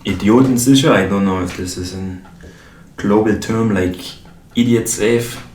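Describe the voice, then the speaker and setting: A deep-voiced man with a German accent chats casually and slowly while assembling modular synth gear, often pausing to search for the right English word. He sits far from the mic in a spacious room, so his voice sounds slightly mellow and distant, with faint noise behind it.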